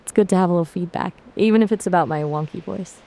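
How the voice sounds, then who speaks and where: A synthetic woman's voice chats as an AI gaming companion. She is upbeat and polite, with a slightly low pitch. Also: fast talker, dark tone, slight background noise. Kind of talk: casual chat.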